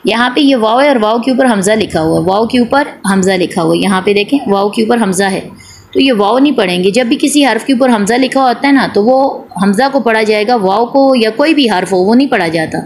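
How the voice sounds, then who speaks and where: Woman teacher, gravelly voice, repeats every point, stretches the vowels out, faint hiss behind. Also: a little high, lively intonation, fairly quick, darkish tone. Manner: patient, repeats each point and asks then answers her own questions; draws out the long vowel sounds when demonstrating. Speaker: Quran recitation teacher. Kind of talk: explanatory online class.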